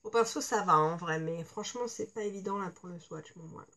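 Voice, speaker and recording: A woman's voice: fairly low pitch, a little fast, a bit bright. A woman beauty vlogger chatting casually through a product review, rambling with frequent hesitations and wry joking asides.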